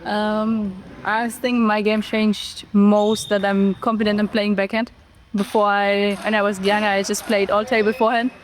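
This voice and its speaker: Flat-toned woman athlete in her twenties. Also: medium pitch, normal speed, slight background noise. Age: 20s.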